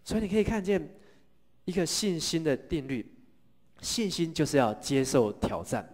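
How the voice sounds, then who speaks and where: A middle-aged man preaching a sermon. He tells the story in a lively way, asks the congregation questions and has them repeat lines back. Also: fairly high pitch, moderate pace. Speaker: pastor.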